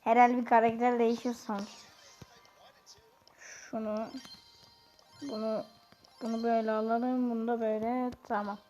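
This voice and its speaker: A woman giving chatty, excitable commentary on her own gameplay, talking straight to her viewers. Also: on the high side, moderate pace, pauses often, faint music behind. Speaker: gaming YouTuber. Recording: dull lo-fi sound.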